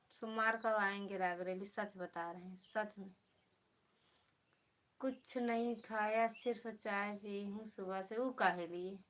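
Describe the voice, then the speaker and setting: A woman's voice: medium pitch, fairly even intonation, takes it slowly, fairly bright tone, slight background noise. A woman with an Awadhi accent, hosting a casual live stream and chatting teasingly with her viewers. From Pratapgarh, Uttar Pradesh.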